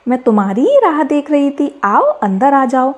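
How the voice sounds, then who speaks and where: A woman's voice: high-pitched, very animated, moderate pace. Woman doing a kindly old storybook grandma. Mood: welcoming. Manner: warm, coaxing, welcoming.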